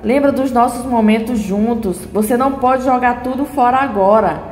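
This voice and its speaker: A woman's voice: fairly high pitch, normal speed, a little mellow, natural voice. A woman reading the lines of an indecisive young groom who pleads with his bride. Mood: pleading. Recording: echoey room, long reverb, faint music.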